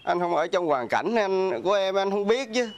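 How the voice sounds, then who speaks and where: Drunk husband, high voice, Southern Vietnamese accent, whiny, slurring. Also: male voice, big pitch swings, normal speed, a little hiss or hum. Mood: whining. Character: drinking, wife-beating father, self-pitying. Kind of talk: rural comedy film acting.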